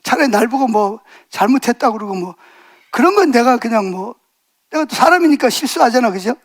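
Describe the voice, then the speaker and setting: A man's voice: very high voice, animated, a little fast. A man in his sixties, a pastor preaching a sermon, telling stories and asking the congregation rhetorical questions, building to emphatic bursts.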